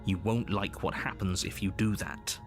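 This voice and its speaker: An actor playing a stern, disapproving male narrator in a video game, telling the story in formal, measured phrases. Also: sits low, fairly even intonation, natural voice. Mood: scolding. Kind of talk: dramatic scripted game narration. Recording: music behind.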